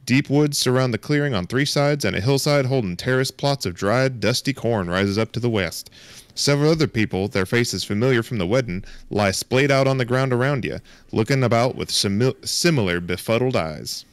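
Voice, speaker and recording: A man's voice: mid-range voice, lively intonation, moderate pace, clean tone, dry recording, voice pushed up, close to an everyday voice. A man playing a folksy mountain-country storyteller, reading scripted narration aloud in a put-on Southern accent. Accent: put-on American Southern. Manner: drawling, declaiming read-aloud narration.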